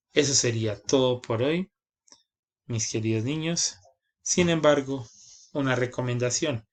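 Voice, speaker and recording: A man teaching English to children, modeling each word slowly and clearly. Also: medium pitch.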